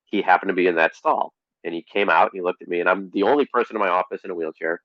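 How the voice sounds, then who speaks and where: A man speaking as an interview guest in a relaxed, conversational way, with a dry, deadpan humor. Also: low-pitched, fast, no room sound, muffled recording. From Connecticut, USA.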